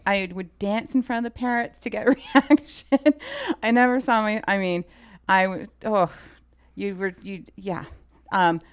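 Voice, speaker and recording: This woman's voice is mid-range and clean in tone. As a film assistant director guesting on a casual interview, she spins lively stories, quoting lines of dialogue and leaning heavily on "like."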